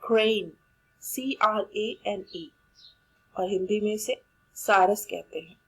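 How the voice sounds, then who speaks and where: A woman's voice: mid-range voice, slow pace, a bit bright, husky, poor audio. A woman with an Indian accent teaching English vocabulary, repeating each word and spelling it out letter by letter while mixing Hindi and English. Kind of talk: vocabulary lesson.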